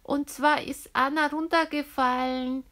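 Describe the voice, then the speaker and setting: A woman plays a gentle, chatty kindergarten teacher in a toy-figure children's story. She sounds a bit flustered and speaks slowly. The voice sits high. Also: fairly even intonation. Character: kindly female kindergarten teacher.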